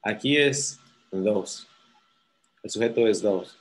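A man's voice: lowish voice, takes it slowly, low-quality recording. A man tutoring a student one-on-one for a grammar exam, patiently repeating words to correct pronunciation. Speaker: English tutor. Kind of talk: one-on-one TOEFL grammar lesson.

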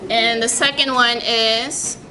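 A woman's voice: fairly high pitch, fairly even intonation, slow pace, pushed and bright. A young woman researcher giving a casual public science talk, with lots of fillers and restarts. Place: library meeting room. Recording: echoey room with background noise.

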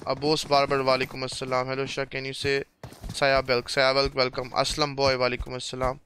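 A man's voice: medium pitch, monotone, brisk, pushed and bright. A young man with a Pakistani accent chatting casually on a live gaming stream, often repeating words and greetings. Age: young adult. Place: indoor room at a gaming setup. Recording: clear gunfire and game noise behind.

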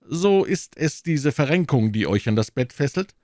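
A man voices a teasing young musketeer, lightly acted and pitched above his own natural voice. His mid-range delivery is very animated, a little mellow, and moderately paced, with dry, studio-quality sound.

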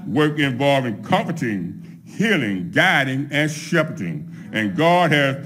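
A middle-aged man preaching a sermon from a pulpit, laying out his points one by one in a measured way. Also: medium pitch, big pitch swings, fairly bright tone. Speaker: pastor. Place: church sanctuary at a pulpit, empty pews behind. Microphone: microphone on a pulpit stand.

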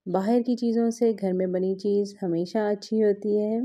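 A woman's voice: mid-range voice, steady tone, normal speed, mellow. A woman, patiently explaining a recipe step by step as she works at a home kitchen counter. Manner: patient, explains each step while working with her hands. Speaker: cooking vlog host. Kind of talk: step-by-step cooking instruction.

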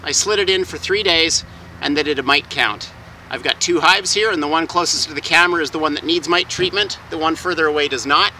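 A man's voice: on the high side, a little fast, sharp tone, a little hiss or hum, rough recording. A man in his forties who runs a beekeeping vlog, explaining step by step while he works outdoors beside his hives. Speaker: beekeeping vlogger. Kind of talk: casual how-to vlog. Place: outdoors in a garden beside beehives.

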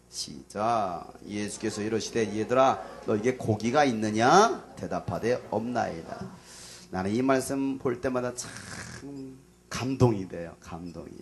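A man preaching to a youth gathering as their pastor, dramatic and casual, swinging between loud outbursts and near whispers. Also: lowish voice, gravelly, slight background noise. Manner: casual, plain speech to young listeners.

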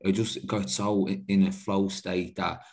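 A man hosting a podcast, asking rambling questions in a relaxed, casual chat. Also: low-pitched, unhurried, creaky. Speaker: podcast host.

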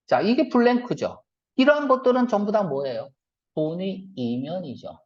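Male reading teacher, animated lecture delivery, fires off rhetorical questions, dull lo-fi recording. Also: high voice. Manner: asks the class quick questions and answers them himself; mixes casual and polite speech. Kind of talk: classroom lecture.

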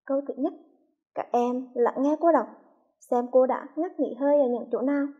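A woman from Hue with a Vietnamese accent, a primary school teacher reading a lesson slowly and clearly to young children. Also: sits high, dull audio. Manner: slow, clearly articulated, patient.

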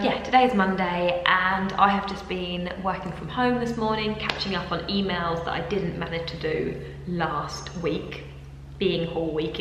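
A young British woman talks in a chatty, rambling way, full of little fillers, with a voice that sits a touch low for a woman. Her words bounce around a bare room at home, trailing a long hall-like echo. A faint hum sits underneath. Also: a bit bright. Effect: big echoing room, long hall-like reverb. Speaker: vlogger. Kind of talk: casual vlog chat. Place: sparsely furnished room at home.

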